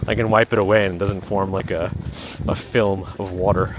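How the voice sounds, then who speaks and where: A man's voice: sits low, flat delivery, normal speed, noisy background. A man rambling through a live stream while walking outdoors in a blizzard, talking into a handheld phone and thanking viewers by name. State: losing his voice. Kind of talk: casual live-stream chatter. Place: snowy city streets outdoors in a blizzard.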